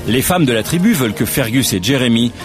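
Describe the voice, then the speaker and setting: Lively male nature documentary narrator, music underneath. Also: mid-range voice, quick pace.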